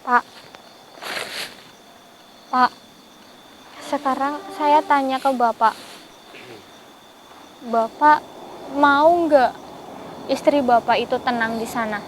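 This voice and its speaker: Woman, high voice, gentle pleading, soothing and persuasive, faint crickets outdoors. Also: steady tone, takes it slowly, long pauses, slight background noise, low-quality recording. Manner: gently pleading, repeats "Pak" often. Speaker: paranormal investigator. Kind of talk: vlog. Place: outdoors in a forest at night.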